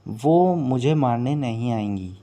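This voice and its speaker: A man voicing a scheming female mermaid who is calm and vengeful, in a slow, hushed storytelling manner. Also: medium pitch. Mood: instructing.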